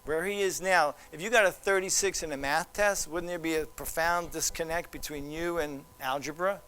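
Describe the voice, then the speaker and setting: A man giving a presentation to parents, animated and teasing, acting out what others might say. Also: on the high side, normal speed, smooth. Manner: animated, teasing, acts out quoted voices. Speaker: child development specialist.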